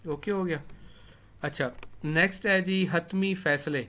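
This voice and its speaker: A man whose first language is Urdu records an English vocabulary lesson, his high-pitched voice pushed and bright with fairly even intonation. He types as he explains, keyboard clicking, and repeats key words slowly.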